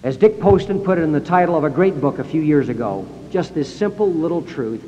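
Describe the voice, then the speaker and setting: A man delivers an emphatic public speech in a high school hall and acts out the voices he quotes. His voice sits somewhat high for a man. The long reverb of the hall and the dull sound of 1960s analog tape surround him. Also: lively intonation, a little fast, dark tone. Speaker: speaker.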